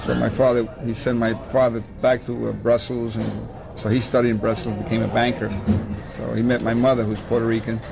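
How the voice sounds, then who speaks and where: An older man with a gravelly, creaky voice, recalling his past in a long, rambling interview. He often restarts and repeats words. A vehicle can be heard faintly behind him. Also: medium pitch, little pitch movement, brisk. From Dominican Republic. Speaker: baseball scout. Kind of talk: oral history interview.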